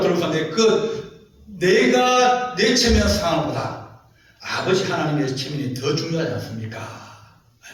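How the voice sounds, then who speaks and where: Pastor, male, high voice, emphatic sermon delivery, far from the mic in a very echoey church. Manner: emphatic, asks the congregation questions. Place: church sanctuary. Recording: echoey church heard from a distance.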